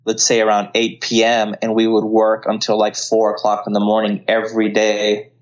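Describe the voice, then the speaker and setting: In a relaxed interview, a guest from Colombia who works as a CGI artist and filmmaker talks sincerely, frequently starting sentences over. He has a lowish voice with a totally flat delivery at normal speed, and the recording is muffled.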